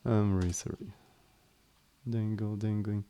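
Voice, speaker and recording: A man with a fairly low, dark, smooth voice speaks at an unhurried pace in a level tone. He's live-streaming his coding and chatting casually as he explains it, in hesitant, apologetic second-language English full of restarts.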